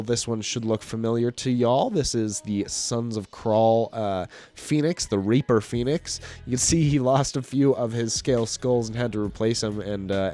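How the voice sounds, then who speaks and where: A man's voice: mid-range voice, warm tone. A man hosting his own video, narrating a hobby car show in a casual, rambling voice-over while losing his voice. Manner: casual, rambling, many fillers and restarts. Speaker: host.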